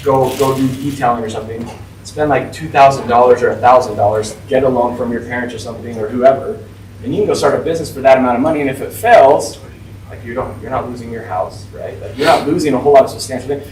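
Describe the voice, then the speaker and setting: A man's voice: mid-range voice, fast, darkish tone, distant mic, a little hiss or hum. A man of about forty, giving a casual, informal talk to a class as a guest speaker, with lots of "like" and "right?". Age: 40s. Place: school classroom. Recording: echoey room, voice from off-mic.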